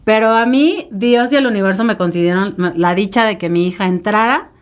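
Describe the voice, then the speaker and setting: A woman's voice: medium pitch, fairly quick. A woman, a podcast guest telling a personal story in an emotional, rambling way with many fillers and tag questions. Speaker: interview guest.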